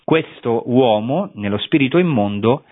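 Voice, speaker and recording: A man's voice: medium pitch, expressive, unhurried, no room sound. A man giving an explanatory Bible lecture, thoughtful and hesitant as he searches for words. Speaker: Bible teacher. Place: on site at a historic holy place. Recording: thin phone-like radio broadcast.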